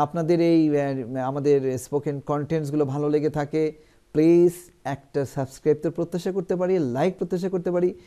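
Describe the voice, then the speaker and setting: A man with a Bangladeshi accent, a native Bengali speaker, teaching spoken English to viewers and slowly drilling model phrases. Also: fairly high pitch, dark tone. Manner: slow, drawn-out model phrases with repeated drills. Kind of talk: explaining lesson to viewers.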